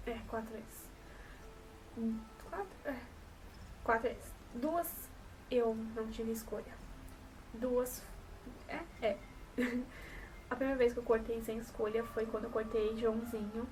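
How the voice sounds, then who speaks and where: A woman's voice: on the high side, flat delivery, measured pace, pauses often, darkish tone, recorded from a distance, slight background noise, low-quality recording. A woman in her twenties with a São Paulo coast Brazilian Portuguese accent, chatting casually to camera in a rambling, self-correcting way. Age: 20s. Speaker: vlogger.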